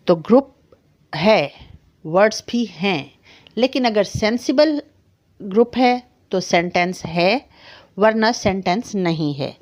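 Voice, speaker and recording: A woman teaching an English grammar lesson, explaining patiently, spelling words out letter by letter and checking that her listeners follow. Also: medium pitch. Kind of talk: recorded online grammar lesson.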